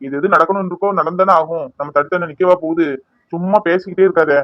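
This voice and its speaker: A man's voice: fairly high pitch, steady tone, fast, no room sound, muffled recording, natural voice. A man voicing a worried older father-in-law. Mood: calming. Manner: pleading, worried and reproachful. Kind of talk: cartoon serial voice acting.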